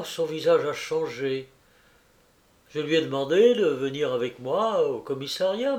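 A man's voice: on the high side, a little mellow, pitched above the performer's own voice. A man putting on a gushing older landlady. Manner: breathless, gushing, full of exclamations. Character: chattering kindly older landlady, effusive.

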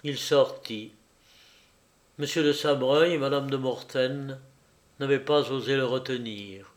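A man narrating a novel aloud in an audiobook style, with slow, measured reading. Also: medium pitch.

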